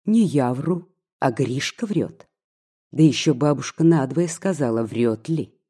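A reader voicing a young serf girl, pained and defiant, with a husky voice. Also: medium pitch, animated, a little slow, mellow. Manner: pained, indignant.

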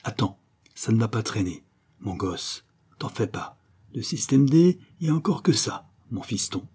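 A man's voice: very animated, moderate pace, a little mellow, breathy edge, exaggerated voice. A man voicing a cocky, streetwise Parisian boy in an audiobook, slangy and brash. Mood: coaxing. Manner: slangy, brash, raised pitch. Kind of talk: audiobook dialogue.

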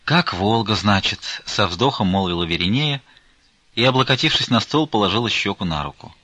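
A man narrating a literary audiobook in a measured, expressive way. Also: fairly low pitch, no room sound.

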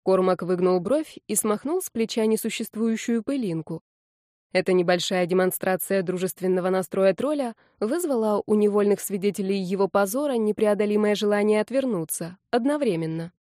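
A woman narrates a first-person fantasy story in a lively, wry way. Her tone is mellow and dark, recorded dry and close with no room sound. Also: medium pitch, moderate pace, dry recording.

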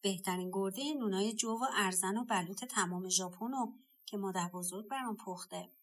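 Woman reading a calm determined boy hero, quiet and low, storybook. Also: lightly acted. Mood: calm resolve.

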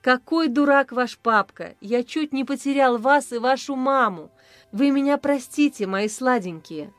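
A man's voice: very high voice, measured pace, fairly bright tone, no room sound, voice pushed up. A woman reading aloud, voicing a remorseful young husband who pleads emotionally with his wife. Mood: tender.

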